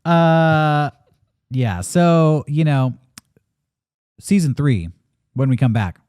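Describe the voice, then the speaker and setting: A man's voice: fairly high pitch, extremely slow, darkish tone, clean tone, dry recording, clean studio sound. A man in his late thirties, a podcast co-host talking candidly and reflectively in casual chat, swearing now and then. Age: 30s.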